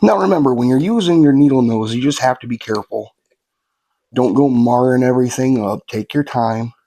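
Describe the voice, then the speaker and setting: Working on a guitar kit, a man talks through the build in a relaxed, folksy way, sniffling a little because of a slight cold. He speaks briskly in a warm, mid-range voice.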